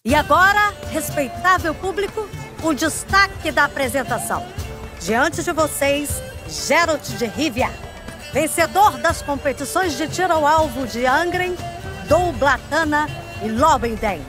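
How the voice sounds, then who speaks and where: A woman's voice: high voice, expressive, measured pace, music in the background. An actress playing a bold, wry circus woman in a video game, announcing theatrically like a ringmaster. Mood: grand, showy. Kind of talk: dubbed video game acting.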